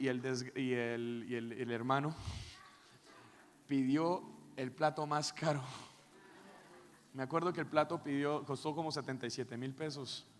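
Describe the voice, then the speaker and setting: A man, a pastor preaching a sermon with a personal story, moving from quiet telling to shouted passages. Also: a little high, a little hiss or hum. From Colombia. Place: church hall. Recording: reverberant church hall.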